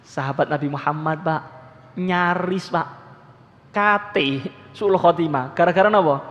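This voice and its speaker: A man's voice: on the high side, measured pace, fairly bright tone, slight background noise. A male preacher, telling a story animatedly in his sermon and often addressing the listeners. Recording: echoey hall, dull lo-fi sound.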